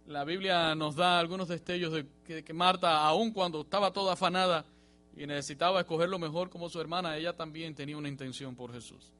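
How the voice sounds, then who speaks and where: A man preaching a sermon in a church, swinging from emphatic rising bursts to quiet, low passages. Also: fairly even intonation, quick pace. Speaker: pastor.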